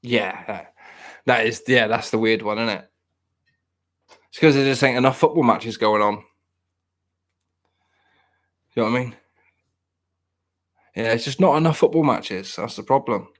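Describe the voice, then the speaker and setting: During a casual chat, a podcast host in his thirties rambles, jokes at his own expense, and frequently restarts. He speaks at normal speed in a medium-pitched, slightly bright voice, pausing often.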